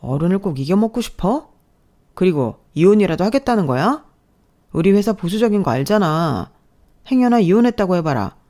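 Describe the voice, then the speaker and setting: A cold, self-serving young husband, read by a woman who lectures and reproaches his wife in a scripted story narration. The voice is low-pitched and mellow. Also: very animated, a little fast. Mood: lecturing.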